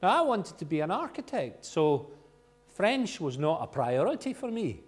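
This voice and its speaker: Loud Scottish man telling a story. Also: fairly high pitch, big pitch swings, moderate pace, husky. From Scotland. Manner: loud, chatty and self-deprecating. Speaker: guest speaker at a church gathering. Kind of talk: informal storytelling sermon.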